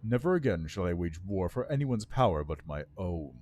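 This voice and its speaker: A man's voice: deep voice, big pitch swings, moderate pace, darkish tone, voice pushed down. A man voicing an ancient undead lich from a game, with a dry voice and a pompous, scornful, formal manner. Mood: bitter, scornful. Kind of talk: voiced reading of game dialogue.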